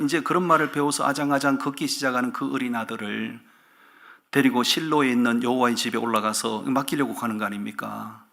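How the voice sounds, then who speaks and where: A male pastor delivers a Sunday sermon with animated emphasis and frequent rhetorical questions. His voice is gravelly with a bright, forceful edge. He sits at an ordinary mid pitch for a man.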